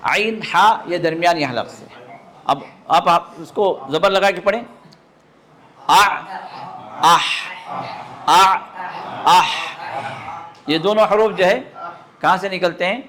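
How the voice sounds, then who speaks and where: A man teaching a live recitation class to students, sounding out throat letters and asking often if the point is clear. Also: high-pitched, fairly bright tone. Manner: demonstrates throat sounds, asks learners to confirm understanding. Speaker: religious teacher.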